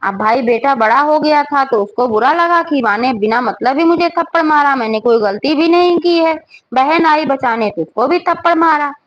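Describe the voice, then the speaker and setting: A woman's voice: high voice, normal speed, muffled recording. A woman narrating a devotional folk story in a plain, homely way, with everyday fillers and asides.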